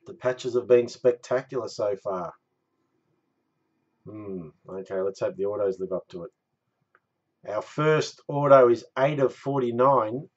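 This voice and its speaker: A man's voice: on the low side, a little slow, pauses often, dull audio. A man in his thirties hosting a live card break, calling out numbers and winners with catchphrases like a bingo caller. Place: small indoor room stacked with boxes.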